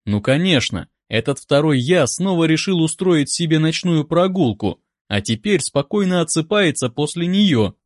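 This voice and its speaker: A man calmly reading a first-person audiobook in an even, wry manner, close to a studio mic. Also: fairly high pitch, normal speed, few pauses, no room sound. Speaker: audiobook narrator.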